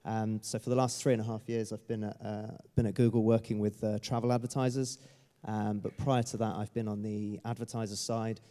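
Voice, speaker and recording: A man's voice: fairly low pitch, little pitch movement, fairly quick, warm tone. A man introducing himself on a conference panel, hesitant with many uhs. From England. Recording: long hall reverb.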